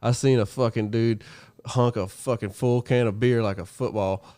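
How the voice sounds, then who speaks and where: A man's voice: mid-range voice, moderate pace. A man on a casual podcast, telling rowdy stories full of swearing and laughter. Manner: animated, swearing, laughing storyteller. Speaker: podcast guest. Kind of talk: casual profane storytelling.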